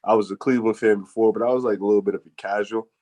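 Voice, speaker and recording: A man's voice: fairly low pitch, steady tone, very fast, a little mellow. A man from New Jersey chatting casually as a podcast guest, with slangy, profane wording. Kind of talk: casual chat.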